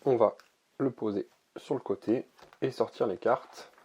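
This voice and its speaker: A man casually showing an oracle card deck, talking in a relaxed, hesitant way with many pauses and fillers. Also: medium pitch, breathy edge. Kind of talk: casual product presentation to camera.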